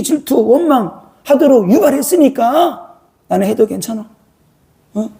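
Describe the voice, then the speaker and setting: Gravelly-voiced pastor preaching a sermon. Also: mid-range voice, dark tone. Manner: emphatic, keeps asking the congregation "huh?" and other tag questions.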